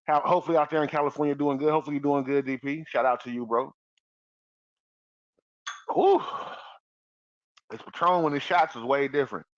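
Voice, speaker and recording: A man's voice: fairly high pitch, a little fast, pauses often, no echo, highs cut off. A man hosting a podcast, chatting casually as he reads out viewer comments, loose and profane, laughing often. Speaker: podcast host.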